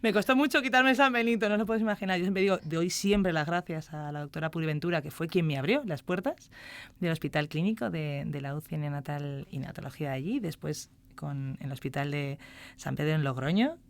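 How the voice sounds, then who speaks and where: A music therapist appears as a guest on a casual podcast interview, telling stories and acting out the dialogue she quotes. She speaks fairly quickly in a deep voice.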